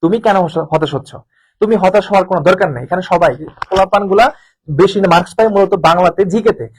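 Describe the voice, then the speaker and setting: Fast-talking high-voiced male tutor. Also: slight background noise, poor audio. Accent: Bangladeshi Bengali. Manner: colloquial, repeats key terms, asks rhetorical questions. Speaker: admission coaching tutor. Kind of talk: informal exam-prep lecture.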